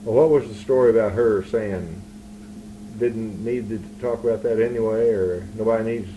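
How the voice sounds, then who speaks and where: A man's voice: on the low side, moderate pace, narrow, tinny audio. A man interviewing someone casually, rambling and often breaking off his own sentences to start again. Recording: noisy 1981 amateur interview recording.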